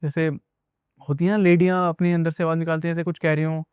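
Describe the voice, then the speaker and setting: Young male guest, rapid rambling storyteller, clear dry voice. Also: fairly high pitch, level tone, a little mellow, no echo. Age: young adult. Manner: rambling, repetitive retelling with many asides. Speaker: guest recounting an experience. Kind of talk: casual spoken storytelling.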